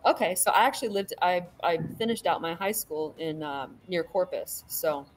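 Speaking from home on a video call webcam, this panel guest is a woman in her thirties with California birth and a Virginia upbringing. She talks at a normal pace in a lowish voice with lively intonation, laughing readily and saying um a lot. The recording quality is low.

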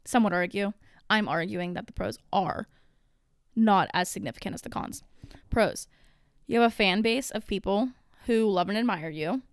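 A woman's voice: mid-range voice, normal speed, dry recording, clean studio sound. A young woman in her twenties hosting a casual solo podcast, rambling and chatty with plenty of fillers and the odd swear, a little out of breath. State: out of breath from caffeine. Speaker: podcast host.

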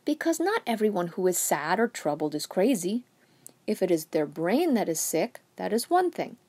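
A woman's voice: medium pitch, big pitch swings, moderate pace, darkish tone, breathy edge. A woman reading aloud voices a devout, worried grandmother who speaks emphatic. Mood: explaining. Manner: emphatic, scolding, fond.

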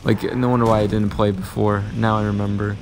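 A young man casually commentating his own mobile game, muttering to himself with sudden excited yelps and growing frustration. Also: lowish voice, fairly quick, gravelly, a little hiss or hum. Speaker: gaming channel host.

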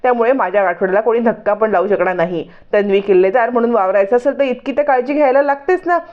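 A woman's voice: on the high side, fast talker, muffled recording, close to an everyday voice. A woman voicing a cunning young woman who talks smugly and reassures. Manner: smug, reassuring.

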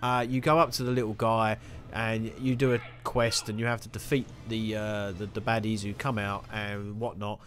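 A young gaming video host rambles through a casual, jokey walkthrough of a video game, dropping self-mocking asides. His voice is lowish, level in tone and fairly bright, at a moderate pace.

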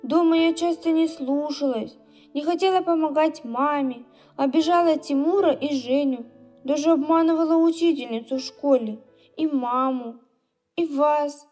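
A woman voicing an emotional, quick-tempered little girl in a children's storybook reading. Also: high voice, a little mellow, faint music behind, close to an everyday voice. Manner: emotional, exclaiming, tearful.

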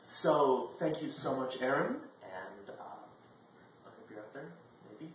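This twentysomething male vlogger speaks slowly and expressively in a mid-range voice, chatting casually at a dining room table with sudden leaps in loudness. The sound comes from a distant camera microphone, so the room is echoey with a faint hiss.

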